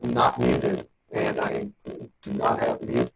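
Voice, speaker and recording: A man's voice: a bass voice, lively intonation, slow, gravelly, heavy background noise. A man chairing a virtual public meeting in a formal tone, his video-call audio stuttering and breaking up from a bad connection. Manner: formal, procedural. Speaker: commission chair.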